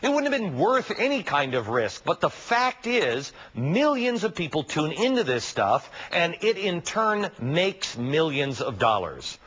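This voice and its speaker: A man's voice: a little high, sing-song, a little slow, hardly any pauses, a bit bright, slightly rough. A man hosting a TV commentary show, talking emphatically and sarcastically, full of rhetorical questions. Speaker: TV commentary host. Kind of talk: opinion monologue and interview. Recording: dull lo-fi broadcast audio.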